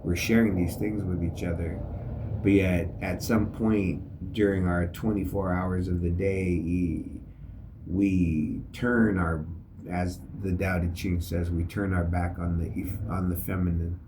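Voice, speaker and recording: A man's voice: sits low, flat delivery, a little slow, noisy background. A middle-aged man, an army veteran, telling a story in a casual, rambling way with many fillers. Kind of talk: casual spoken reflection.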